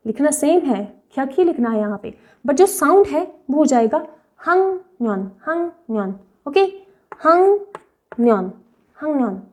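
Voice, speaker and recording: A young woman teaches a language lesson in a high, mellow voice. She explains each point patiently, says example words slowly more than once, and keeps checking that her viewers follow. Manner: explains patiently, often checks understanding with "right?" and "okay?".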